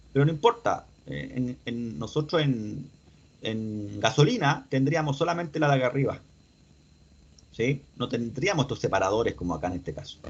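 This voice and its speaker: A man's voice: mid-range voice, husky. A man teaching an online mechanics lesson, explaining step by step and asking his students questions as he goes. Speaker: instructor. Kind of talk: online class lecture. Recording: dull lo-fi audio.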